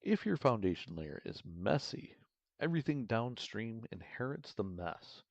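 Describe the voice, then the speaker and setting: A measured, announcer-like narrator, as a man puts it on with a deep, gravelly tone. It is delivered a little louder than his usual talk. The sound is dry and slightly muffled. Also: big pitch swings, dry recording, exaggerated voice. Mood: narrating. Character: steady male narrator reading advice.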